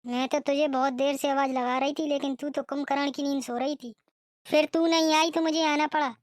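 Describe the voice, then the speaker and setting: A woman's voice: sits high, fairly even intonation, fairly quick, no room sound, clean studio sound, lightly acted. A woman voicing a strict, scolding middle-aged mother-in-law in a cartoon, nagging and complaining. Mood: indignant. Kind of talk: cartoon voice acting.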